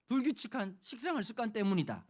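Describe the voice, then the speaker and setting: A man's voice: sits high, fast talker, husky. A middle-aged male pastor from Busan giving a humorous sermon lecture, joking and putting questions to the audience. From Busan, South Korea. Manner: lively, jokey, addresses audience with questions.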